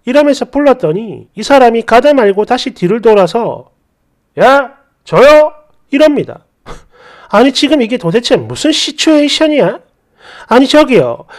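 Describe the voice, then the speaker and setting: A woman narrating a reader's story in a lively, indignant storytelling manner. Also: sits high.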